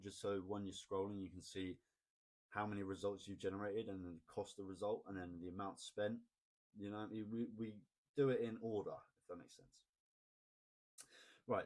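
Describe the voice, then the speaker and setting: Man, low voice, casual tutorial talk, chatty, lots of "right?". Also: darkish tone. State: has the hiccups. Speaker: online marketing tutor. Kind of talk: screen-recorded tutorial.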